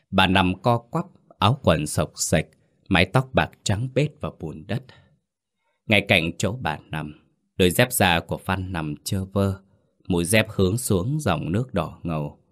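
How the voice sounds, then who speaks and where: A man narrating a ghost story in a dramatic, measured way. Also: deep voice.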